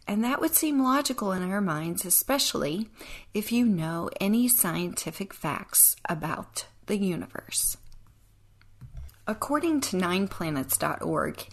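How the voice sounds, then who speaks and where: Woman hosting a devotional podcast, gravelly voice. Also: medium pitch. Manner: reflective, earnest, occasionally dry sarcasm. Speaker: podcast host.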